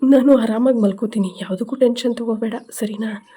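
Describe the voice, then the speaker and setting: A woman's voice: a little high, steady tone, fairly quick, dark tone, breathy edge. A woman voicing a tired, grateful older father who speaks fondly and from the heart. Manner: heartfelt, fond.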